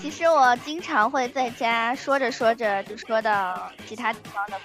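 A woman's voice: a little high, normal speed, a bit bright, faint music behind. A woman from Jiangsu, an online radio host, chatting casually as an interview guest with short, direct replies. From Changzhou, Jiangsu, China.

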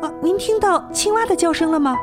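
A woman voicing a clever young girl in a storybook reading, with high excited cries. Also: normal speed, over loud music. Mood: anxious. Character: clever young girl, frightened then defiant.

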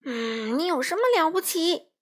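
A woman's voice: very high-pitched, animated, normal speed, voice pushed up. A woman voicing a cheeky, hot-tempered little male crow who squawks indignantly. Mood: angry squawking.

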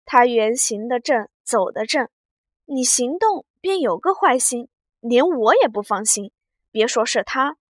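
A woman voicing a clever, sharp-tongued young maidservant in a read-aloud classic novel, talking in a teasing, sly way. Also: on the high side, expressive, a little slow, dry recording, clean studio sound. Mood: scolding.

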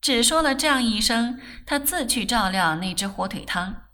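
A woman narrating a novel aloud in a measured, expressive way. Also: a little high. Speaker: audiobook narrator. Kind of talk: novel reading.

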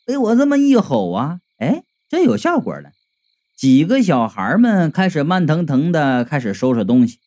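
A man narrating a comic audiobook story in an animated, exclamatory way. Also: fairly high pitch, moderate pace.

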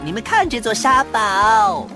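A woman voicing a lively, friendly young adventure companion in a children's cartoon, childlike and emphatic. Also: on the high side, unhurried, faint music behind, heavily acted. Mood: excited. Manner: childlike, emphatic echoing of phrases. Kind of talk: children's cartoon dub acting.

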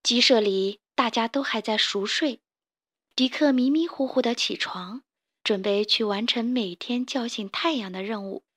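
A woman's voice: on the high side, unhurried, dry recording, clean studio sound. Woman telling a children's story.

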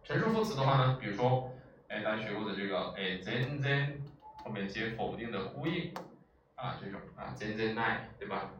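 A man with a fairly low voice, lively intonation, and moderate pace teaches a language lesson lecture-style, captured in lo-fi sound. The room is echoey, he's far from the mic, and there's faint noise. He explains patiently, using frequent filler sounds and rhetorical checks with his listeners.

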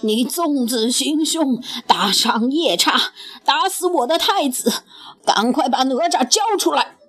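A woman voicing a proud, hot-tempered male dragon king in a storybook tale, shouting accusations. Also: high-pitched, animated, unhurried, soft background music, full character voice. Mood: furious.

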